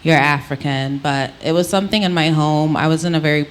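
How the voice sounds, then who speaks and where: Woman, Antiguan accent, low register, candid interviewee telling her own story, light ambient noise behind her. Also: fast talker. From Antigua, Caribbean. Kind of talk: reflective personal storytelling in conversation.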